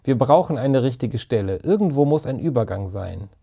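A man's voice: medium pitch, animated, normal speed, vocal fry, warm tone, breathy edge. A man voicing a sensible young schoolgirl who speaks firmly and decisively. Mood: thoughtful. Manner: firm, decisive.

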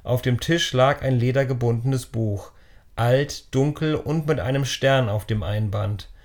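A man narrating a children's novel as an audiobook, reading in a steady, descriptive storytelling manner. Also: mid-range voice, a little slow.

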